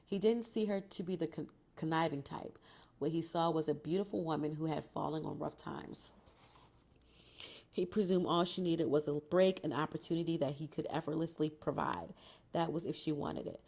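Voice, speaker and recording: A woman's voice: low voice, moderate pace, gravelly, darkish tone. A woman reading a novel aloud and breaking off for casual, profane reactions. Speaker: book reader and reactor.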